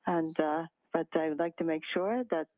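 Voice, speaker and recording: A man speaking halting English in a formal press conference over a radio link. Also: fairly high pitch, fairly even intonation, no echo. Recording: muffled phone-like radio link.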